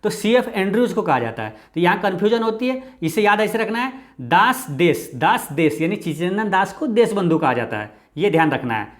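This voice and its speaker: A man with a Bihari Hindi accent teaching exam-prep quiz answers, often dropping low and quiet for "keep this in mind". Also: very animated, a little fast, hardly any pauses. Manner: repeats "ye dhyan rakhna hai" with a low, quiet drop.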